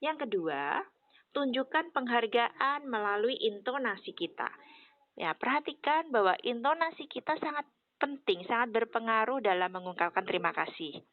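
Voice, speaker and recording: A woman teacher explaining English phrases in a clear, instructive way. Her voice comes through a narrow, tinny channel. The room sound is dry and close. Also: fairly high pitch, animated, moderate pace, dry recording.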